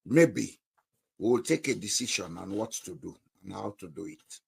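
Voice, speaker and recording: A man with a Sierra Leonean accent and a gravelly, raspy voice gives his views as a panelist in an informal political discussion. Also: on the low side, expressive, unhurried. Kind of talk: informal political talk in Krio mixed with English.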